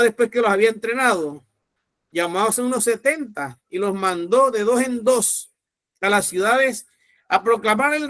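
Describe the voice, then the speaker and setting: A pastor preaching with a notably high voice. He speaks emphatically and with command, urging his listeners on. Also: fairly bright tone, no echo, studio quality. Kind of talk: sermon.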